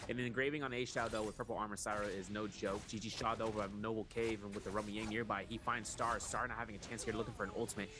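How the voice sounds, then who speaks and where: Brief: male esports play-by-play caster, quick delivery, constant background noise. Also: on the low side, flat delivery. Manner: rapid, rattling off player moves. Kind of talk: play-by-play commentary.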